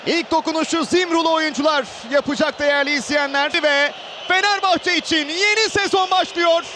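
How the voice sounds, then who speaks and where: A man giving live football play-by-play in an excitable way, with clipped phrases and drawn-out names. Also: extremely high pitch. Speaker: football match commentator. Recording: roaring stadium crowd noise behind voice. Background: stadium crowd ambience.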